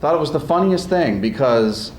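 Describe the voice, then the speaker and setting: Acting as speech coach, a man hosts a showcase at a school event in front of an audience, giving rambling, jokey, informal introductions. His voice is fairly high with lively intonation at a moderate pace, and the hall is echoey with background noise.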